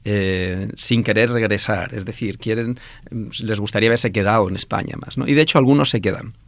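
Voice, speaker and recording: A lowish, brisk male voice comes through with no room sound. He is a forty-something professor from Alicante, a Valencian/Catalan native speaker with a Spanish accent from Spain, fielding interview questions thoughtfully and with many hesitations.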